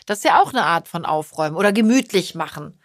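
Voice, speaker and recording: A woman's voice: fairly low pitch, lively intonation, quick pace, dry recording, clean studio sound. A middle-aged woman, a mother, chatting casually with her daughter and teasing her with frequent laughs. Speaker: mother and podcast co-host. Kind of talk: casual family chat.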